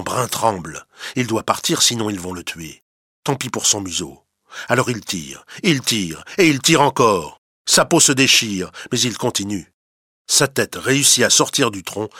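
A man narrating a storybook, reading with clear, steady delivery and lively emphasis. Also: lowish voice, no room sound, studio quality.

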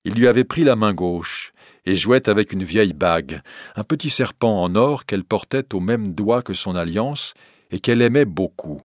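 A man narrating a classic novel aloud in a steady, measured reading. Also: on the low side, no echo, clean studio sound.

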